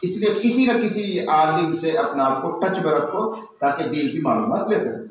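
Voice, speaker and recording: A man's voice: on the high side, lively intonation, moderate pace, a little hiss or hum. A man preaching a sermon in a conversational, teasing way, full of rhetorical questions. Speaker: Islamic preacher. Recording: echoey hall from far off.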